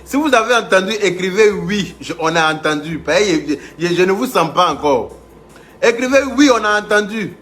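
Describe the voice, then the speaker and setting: A man's voice: sits high, expressive, normal speed, fairly bright tone, faint music behind. A man hosting a live stream, mocking a rival and calling on viewers, stammering through restarts.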